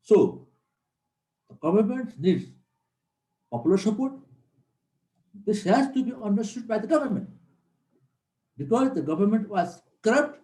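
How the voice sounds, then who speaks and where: This man speaks unhurriedly with long pauses, his high-pitched voice very animated and warm in tone. He is a middle-aged military instructor from Nepal delivering an earnest classroom lecture, repeating key points for emphasis, recorded with a roomy echo.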